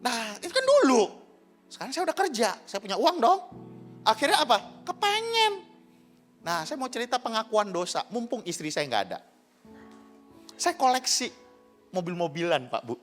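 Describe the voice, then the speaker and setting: A man's voice: high voice, moderate pace, pauses often, soft background music. A middle-aged man, preaching a sermon as a pastor and telling a funny confessional story to the congregation. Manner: animated, joking, confessional asides to the congregation. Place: church service.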